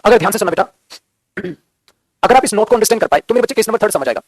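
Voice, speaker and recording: A man's voice: high voice, animated, very fast, no echo. A man teaching English grammar to students in Hindi, calling them "beta", repeating key phrases and answering his own questions. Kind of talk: classroom grammar lesson in Hindi.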